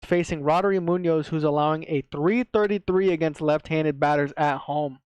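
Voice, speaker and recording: A man's voice: on the high side, a little fast, darkish tone, smooth, dry recording. A man with a slight lisp from wearing a retainer, giving casual, slangy sports betting commentary to viewers. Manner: slangy, swearing, repeats himself for emphasis. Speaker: sports betting tipster, video host.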